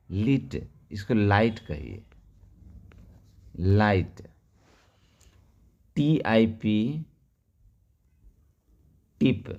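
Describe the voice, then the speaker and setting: Slow, low-voiced man teaching word reading. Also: darkish tone. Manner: spells words letter by letter, then reads them; asks the listener questions, then answers them. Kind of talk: slow spelling-and-reading lesson. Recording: dull lo-fi recording.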